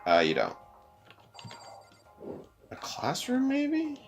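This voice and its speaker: A young man hosting a let's play, reading a visual novel aloud with expressive commentary. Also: very high-pitched, drawn-out words, soft background music.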